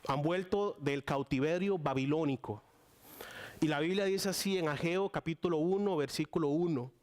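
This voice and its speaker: Young costa rican guy preaching, kinda high voice, chatty with lots of ums and restarts. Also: normal speed. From Costa Rica. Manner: chatty and warm with frequent fillers and restarts. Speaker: guest preacher. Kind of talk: sermon.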